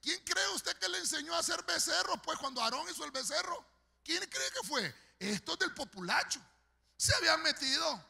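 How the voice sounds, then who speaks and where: A man's voice: very high voice, big pitch swings, moderate pace, creaky, bright, forceful tone, long reverb tail. A man preaching a sermon as pastor, fervent and storytelling, addressing the congregation directly. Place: large church hall.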